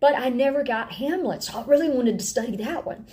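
A middle-aged woman with an Appalachian accent, chatting casually to camera in a folksy, animated, expressive way. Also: high voice, brisk. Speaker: homeschooling parent and vlog host. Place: indoor room at home.

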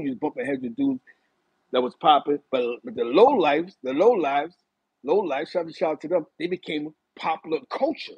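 A middle-aged East Harlem man with a New York accent hosts a live chat, telling stories casually from a small, bright indoor room while gesturing a lot and staying animated. His voice runs a little high and husky. The recording has no room sound and is low quality.

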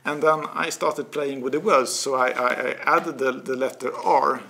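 With a gravelly mid-range voice and a moderate pace, a Swedish-accented man in his forties talks as a guest author in a casual interview. He's animated, gestures a lot, and repeats or restarts words while searching. A desk mic in a small office studio records him, with slight background noise.

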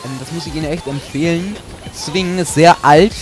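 A man's voice: on the high side, moderate pace, music in the background. A man doing casual gaming commentary, joking around and reading game text aloud in mock dramatic tones. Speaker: let's play commentator.

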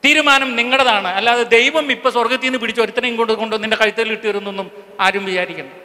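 A man preaching a sermon to a live audience, leading lively call-and-response and counting off his points. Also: high voice, quick pace. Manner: call-and-response, keeps urging the crowd to answer louder. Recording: long hall reverb.

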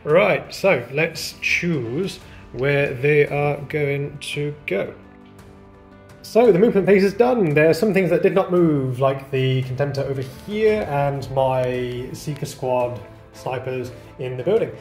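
A man's voice: on the high side, expressive, slow. A man playing a tabletop wargame, chatting playfully and laughing often. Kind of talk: casual chat over a tabletop game. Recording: echoey room with music. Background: background music.

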